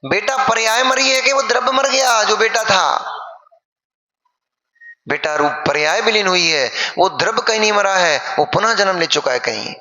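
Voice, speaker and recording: A man, a monk, giving an animated sermon and acting out wailing mourners. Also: sits high, moderate pace. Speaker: Jain monk preacher. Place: large sermon hall. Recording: echoey hall, dull lo-fi sound.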